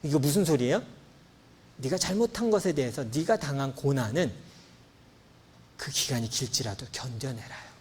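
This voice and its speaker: A man's voice: medium pitch, expressive, normal speed, pauses often, slight background noise. A man in his thirties preaching a sermon as pastor, telling a personal story with emotion and acting out the dialogue. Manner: emotional storytelling, acts out dialogue, swings from loud to hushed.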